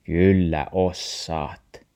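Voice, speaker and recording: Storybook reading: a man as a patient old grandfather, low, mellow voice, slow and soothing. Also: steady tone, clear, resonant tone. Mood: reassuring.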